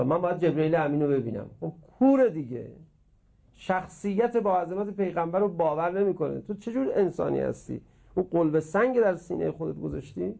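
Man, preacher, gravelly, mellow dark tone, impassioned sermon, swings loud to hushed. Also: on the high side. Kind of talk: religious sermon with storytelling.

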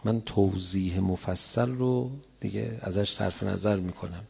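Man, religious sermon, gravelly, husky, conversational storytelling, impassioned build-ups. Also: low voice, steady tone, dark tone. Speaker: preacher.

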